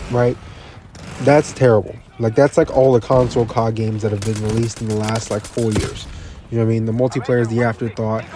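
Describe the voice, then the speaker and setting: A man's voice: medium pitch, mellow, a little hiss or hum. A man giving casual gaming commentary, ranting bluntly and repeating himself, a bit tired, with faint game sounds behind him.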